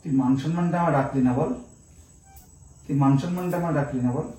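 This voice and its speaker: Casting: male comedic husband, teasing, quick delivery, roomy noisy home recording. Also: fairly high pitch, dark tone, distant mic. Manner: teasing, mock-indignant. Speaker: husband pulling a prank. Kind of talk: scripted comedy prank skit.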